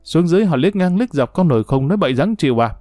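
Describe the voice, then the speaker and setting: A man voicing a sulky, defiant seventeen-year-old girl in a read-aloud story, talking back in a sharp, dismissive way. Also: a little high, animated, quick pace, no echo, clean studio sound, faint music behind, pitched above the performer's own voice, natural voice.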